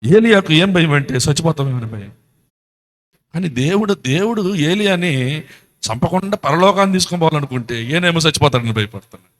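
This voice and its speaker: A man's voice: fairly high pitch, animated, a little fast. A man with a Telugu accent preaching a church sermon, telling the story with rhetorical questions and acting out voices. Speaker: pastor.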